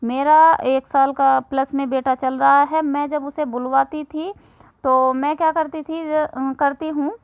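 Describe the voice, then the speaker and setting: Woman, 30s, high voice, dry close recording; chatty parenting tips host who pauses often. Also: flat delivery, no echo, low-quality recording. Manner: conversational, with frequent filler pauses. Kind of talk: casual instructional talk.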